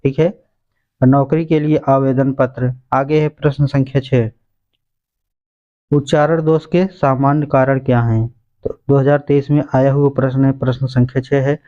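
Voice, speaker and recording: A man's voice: mid-range voice, mellow, lo-fi sound. A male teacher going through exam questions and answers point by point, calling his listeners friends. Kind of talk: exam revision lesson.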